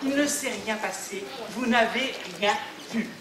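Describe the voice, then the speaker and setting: A man's voice: extremely high pitch, measured pace, pushed and bright, slight background noise. A man acting in an amateur stage comedy, flustered and bossy, stammering as he gives orders. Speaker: stage actor playing a flustered businessman. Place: theatre stage. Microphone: far room mic. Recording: echoey stage from far off, audience.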